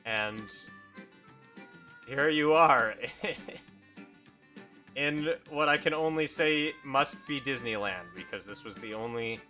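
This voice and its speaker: A woman's voice: a bass voice, slow pace, pauses often, bright, forceful tone, soft background music. A woman improvising narration as game master of a tabletop role-playing game.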